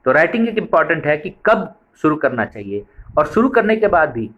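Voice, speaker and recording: A man's voice: on the high side, sing-song, a little fast, fairly bright tone, muffled recording. A man giving a training lecture on a preschool method, explaining step by step and repeating points for emphasis.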